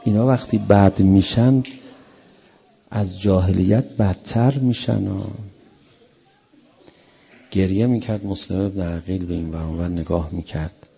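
Gravelly dark-voiced male preacher. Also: sits low, fairly even intonation, long pauses. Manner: emotional storytelling, acting out quotes. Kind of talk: mourning sermon.

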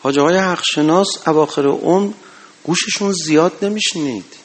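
An impassioned male preacher. He exhorts loudly, then drops to a hushed storytelling tone, in the rhythm of a religious sermon. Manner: impassioned, rising to loud exhortations then dropping low.

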